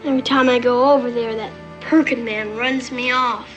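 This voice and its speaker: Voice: medium pitch, fairly even intonation, normal speed, a bit bright, lo-fi sound, soft background music, close to an everyday voice. A child actor playing an earnest, polite young frontier boy in a western drama. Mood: polite, reluctant. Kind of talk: period western screen acting.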